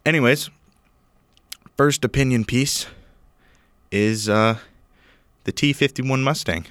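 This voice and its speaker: A man's voice: mid-range voice, slow, a bit bright, clean tone, dry recording, clean studio sound. A young man hosting a casual podcast, joking and rambling, often trailing off into mumbles. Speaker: podcast host.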